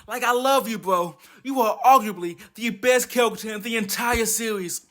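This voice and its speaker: A man's voice: extremely high pitch, normal speed, fairly bright tone. A man doing a comedic anime commentary rant, exasperated, profane and mocking. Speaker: video essayist.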